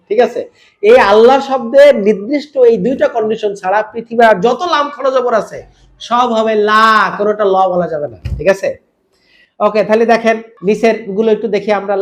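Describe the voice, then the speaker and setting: A man teaching Quran recitation in a tajweed lesson. He drills syllables, asks the viewer quick questions and draws out recited words slowly. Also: sits high. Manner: repeats drills, quizzes the viewer.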